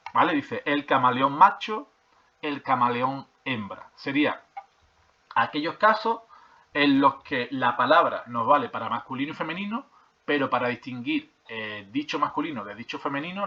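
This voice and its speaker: A male teacher explains grammar rules to his class, repeating each point and checking in after almost every sentence. His voice sits at an ordinary middle pitch. The recording sounds slightly dull and lo-fi. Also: sharp tone. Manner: repeats points, checks with frequent "¿vale?" and "¿de acuerdo?"; hesitant with fillers and restarts while reading from a textbook. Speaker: primary school teacher.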